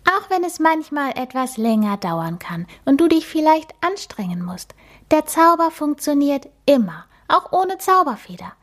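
A woman voicing a cheerful little female magic mouse in a children's storybook reading, bouncy and encouraging, with a breathy voice. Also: high-pitched, very animated, unhurried, voice pushed up.

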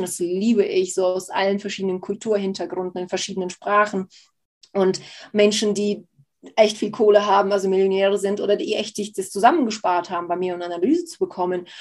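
A woman coach explaining Human Design in a casual interview, animated and laughing often, acting out quoted voices. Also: mid-range voice. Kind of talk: conversational interview answer.

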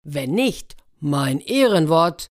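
A woman's voice: deep voice, sing-song, slow pace, no echo, clean studio sound, heavily acted. A woman doing a stern, threatening king. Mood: commanding.

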